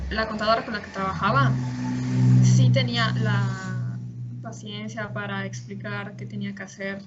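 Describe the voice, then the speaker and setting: A woman guest on a podcast, explaining her work calmly and in a measured way. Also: medium pitch. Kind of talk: casual podcast chat. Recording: muffled audio with background noise.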